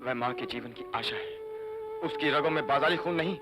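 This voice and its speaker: A calm, defiant grown son speaks firmly, his voice rising and falling with lively melody over loud film score music. Measured and dramatic, in the manner of 1970s Hindi cinema. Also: on the high side. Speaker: son returning to his father.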